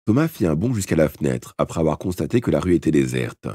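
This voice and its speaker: A man's voice: extremely low pitch, very animated, quick pace, dark tone, slightly rough, dry recording, clean studio sound. A man narrating a children's audiobook, reading it aloud with expression. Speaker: audiobook reader. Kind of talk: storybook narration from a live stream.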